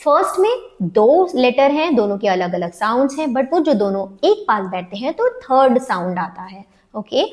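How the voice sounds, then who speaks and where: A woman with an Indian English accent teaching a phonics lesson to parents, switching between Hindi and English and slowing down to sound out letters. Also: a little high, darkish tone. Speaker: phonics trainer.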